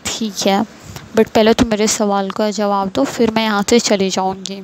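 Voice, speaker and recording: A woman voicing a bold, playful young woman who coaxes her lover in a soft, teasing voice. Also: mid-range voice, little pitch movement, moderate pace, a little hiss or hum, lightly acted.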